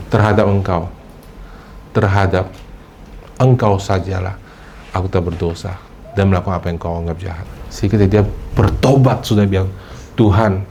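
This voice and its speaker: Lively man preaching to a congregation. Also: slight background noise. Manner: lively preaching, mixes in English phrases, acts out excuses in a higher voice. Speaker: pastor. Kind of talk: sermon.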